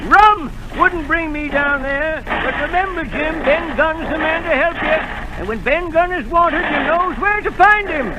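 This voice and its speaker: Ben Gunn, high wild castaway. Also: male voice, measured pace. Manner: excitable, sudden whoops and cries. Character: wild-eyed old male castaway, jittery and cunning. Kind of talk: 1930s radio drama acting. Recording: old radio broadcast with faint hiss.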